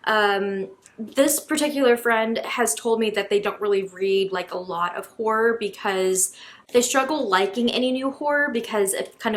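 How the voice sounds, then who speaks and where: A woman's voice: a little high, a bit bright. A young woman chatting casually through a book review vlog, with lots of ums and likes.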